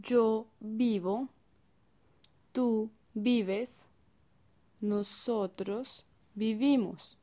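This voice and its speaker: A woman co-hosting a language lesson, speaking example phrases slowly and carefully as models. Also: on the high side, steady tone, mellow. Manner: slow, careful model pronunciation. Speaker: co-host giving example phrases. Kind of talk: reading practice phrases aloud.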